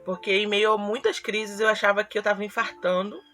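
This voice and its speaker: A young woman with a bright, clear voice speaks earnestly to her viewers in a personal confessional vlog. She tells her story and acts out the things she said to herself, with soft music playing faintly behind her. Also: medium pitch, flat delivery, fairly quick. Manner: earnest, storytelling with acted-out quotes. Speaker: YouTuber.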